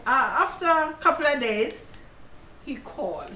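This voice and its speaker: A woman's voice: high-pitched, big pitch swings, a little slow, pushed and bright, echoey room, slight background noise. A woman guest, an actress and playwright, telling a story in a casual chat, laughing often. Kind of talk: casual talk show chat.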